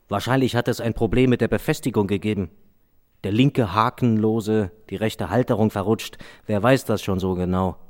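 A man reading aloud children's stories as a storyteller, in an expressive, sing-song way. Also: lowish voice.

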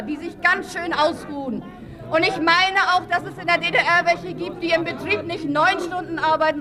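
A woman speaking into a handheld microphone at an outdoor public forum, pleading insistently for calm and for her right to speak over hecklers. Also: very high-pitched. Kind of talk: impassioned public address to a crowd. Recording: crowded open-air square. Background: noisy crowd.

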